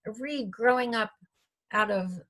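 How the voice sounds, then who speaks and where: A woman storyteller telling an ancient myth aloud, pausing for reflective asides to her listeners. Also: on the high side, pushed and bright.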